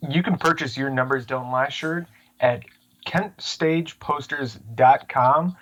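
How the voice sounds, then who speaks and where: A male podcast co-host speaking at a middle pitch over a remote connection. His chat is easygoing. He slows down to spell out details plainly. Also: a bit bright, dull audio. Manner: spells out a web address slowly and plainly. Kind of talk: casual sports podcast chat. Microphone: remote podcast mic over the internet.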